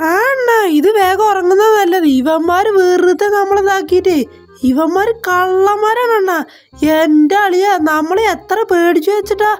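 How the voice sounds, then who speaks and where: A woman's voice: very high voice, normal speed, soft background music. A woman voicing a cheeky, timid young boy sidekick in a game role-play, whining and pleading. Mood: relieved.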